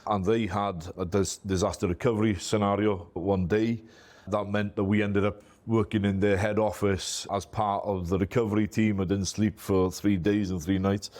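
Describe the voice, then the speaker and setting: Appearing as a guest in a casual interview, a middle-aged MSP business owner from Wales discusses his own business in a low, darkish voice with little pitch movement and a moderate pace. His Welsh accent is strong, Welsh being his first language, and his loosely built, self-deprecating chat is full of "you know."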